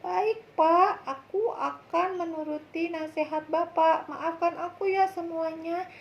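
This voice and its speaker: A woman voicing a mischievous young shepherd boy, shouting shrilly and laughing teasingly in a storybook tale for children. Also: extremely high pitch, steady tone, unhurried, lo-fi sound, voice pushed up. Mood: remorseful.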